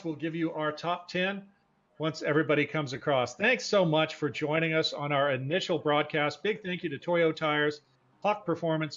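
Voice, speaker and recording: Over dull lo-fi broadcast audio, a man with a fairly high, somewhat bright voice hosts live sim racing. He commentates enthusiastically, keeping things informal and folksy.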